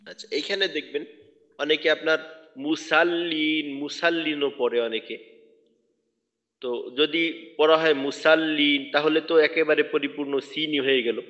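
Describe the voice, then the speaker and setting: A man teaching Quran recitation online, patiently correcting students and modelling slow chanted verses. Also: fairly high pitch, steady tone, fairly bright tone. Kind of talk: online tajweed lesson. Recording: dull lo-fi audio with long reverb.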